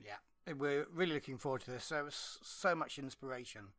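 A man with a cough-roughened, husky voice, co-hosting a casual podcast chat in a wry, self-mocking way. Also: medium pitch, expressive, moderate pace, fairly bright tone, dry recording. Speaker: podcast co-host.

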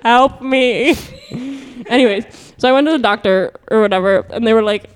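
A teenage girl telling a story in casual chat as a podcast co-host, fast and giggly, full of "like". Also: medium pitch, clear, resonant tone.

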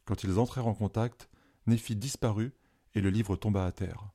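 Mellow low-voiced male storyteller. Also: normal speed. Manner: calm, steady reading. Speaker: narrator. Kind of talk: scripted storybook narration.

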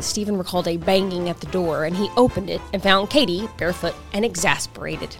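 A woman hosting a history podcast, reading scripted narration in a dramatic storytelling manner. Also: lowish voice. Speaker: podcast host.

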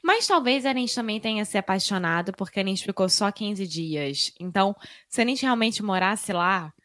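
A woman's voice: medium pitch, expressive, moderate pace, a bit bright, no echo, studio quality. A Brazilian woman co-hosting a podcast in casual conversation, speaking expressively and emphatically. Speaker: podcast co-host.

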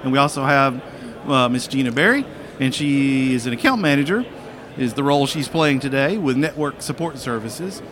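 A man hosting a live podcast interview from a busy convention hall, speaking in a hesitant, halting way. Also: medium pitch, lively intonation. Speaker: podcast host. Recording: busy expo hall crowd behind. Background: crowd and hall bustle.

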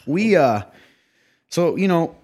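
A man's voice: fairly high pitch, big pitch swings, takes it slowly, a little mellow. A young man co-hosting a podcast in casual chat, teasing and often laughing. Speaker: podcast co-host.

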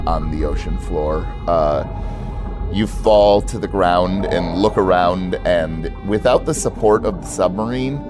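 A man with a low voice narrates a tabletop game as its game master, setting scenes in a calm, descriptive way with soft pauses. Loud music plays under his voice. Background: loud background music.

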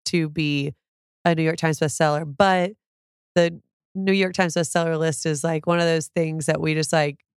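A woman's voice: deep voice, steady tone, moderate pace, clear, resonant tone, no room sound, studio quality. A woman in her thirties, a cookbook author, chatting casually as an interview guest, upbeat and sprinkling her talk with "like". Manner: chatty and upbeat, heavy use of "like".

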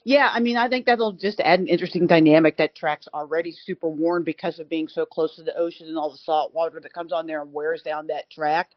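A woman with a deep voice talks fairly quickly with few pauses, and there's no echo, though the line sounds dull and lo-fi. She's a guest reporter on a sports show, chatting casually in call-in style, stammering and laughing at herself in a self-deprecating way.

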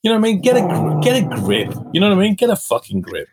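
A man's voice: high voice, huge pitch swings, quick pace, darkish tone, a little hiss or hum. A middle-aged man talking as a podcast guest, blunt and fired-up, swearing freely as he makes his points. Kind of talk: candid interview talk.

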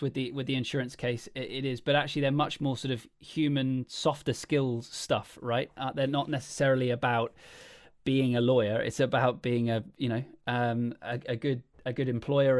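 A man's voice: mid-range voice, no room sound, studio quality. A man hosting an interview, asking questions in a thoughtful, tentative way. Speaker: interview host.

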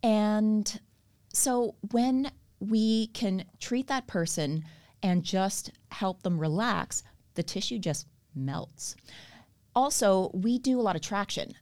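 A stretch therapy educator with a Canadian accent appears as a guest on a podcast interview, earnestly explaining her therapy work and laughing easily. Her mid-range voice is animated and a little mellow, and she speaks slowly.

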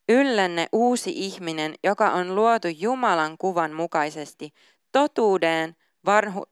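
A woman pastor preaching a sermon in a lowish, very smooth and clear voice. She reads scripture aloud and then shifts into casual, informal talk. The sound is dry and close, with no room echo. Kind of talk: sermon with Bible reading.

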